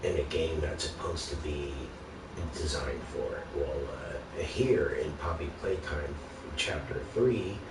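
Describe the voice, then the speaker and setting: A man's voice: a bass voice, takes it slowly. A man on a casual, sweary gaming rant, complaining in an exasperated, sarcastic way. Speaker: video game ranter. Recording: roomy, noisy, distant microphone.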